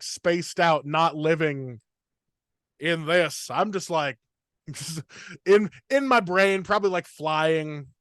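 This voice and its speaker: A man's voice: sits high, a bit bright, no echo, studio quality. A young man hosting a comedy podcast, talking in a rambling, filler-heavy rush of casual chat. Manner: rambling, filler-heavy, fast torrent of words.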